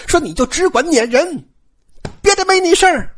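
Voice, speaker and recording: A storyteller voicing a proud, sharp-tongued young maid who scolds the servants. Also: big pitch swings, normal speed. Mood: furious. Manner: shrill, imperious, scolding.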